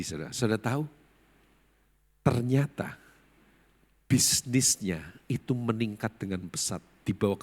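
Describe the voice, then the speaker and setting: Animated preacher in a reverberant church. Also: male voice, lowish voice. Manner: dramatic, voices quoted characters, addresses congregation as saudara. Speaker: pastor. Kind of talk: sermon with storytelling. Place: large church hall. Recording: long reverb of a church hall.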